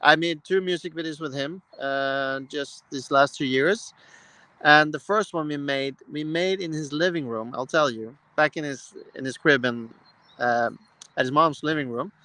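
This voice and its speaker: A man's voice: on the high side, unhurried, bright, forceful tone, no echo, poor audio. A man from Norway hosting a casual live stream, talking with enthusiasm in loose, rambling sentences full of restarts. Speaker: host. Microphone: live-stream mic.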